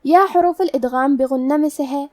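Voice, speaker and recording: A woman teaching Quran recitation rules, explaining pronunciation slowly and methodically. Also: sits high, dark tone, dry recording, studio quality, distant mic. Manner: slow, careful, methodical explanation. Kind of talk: tajweed lesson, explaining letter rules.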